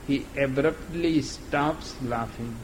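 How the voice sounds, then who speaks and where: Slow-talking man telling a joke. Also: mid-range voice. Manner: slow, laughing through the telling. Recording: noisy background ambience.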